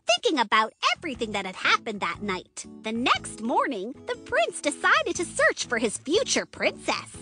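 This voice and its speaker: Lady reading a kids story, high bright voice, dramatic build ups, soft music behind. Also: wildly swooping pitch, moderate pace, hardly any pauses. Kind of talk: scripted children's story narration.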